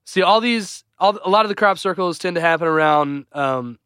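A man co-hosting a casual podcast, tossing out excitable speculative ideas and swearing casually. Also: high voice, moderate pace, clear, resonant tone, dry recording, studio quality. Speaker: podcast co-host.

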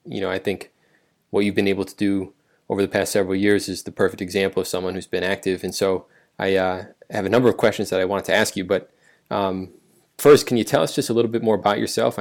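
A man interviewing a guest, earnest and even-toned. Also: lowish voice. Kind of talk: interview questions.

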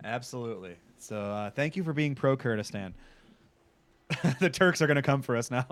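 A man's voice: mid-range voice, animated, normal speed. A man co-hosting a casual TV recap chat, talking emphatically and swearing freely. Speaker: podcast co-host.

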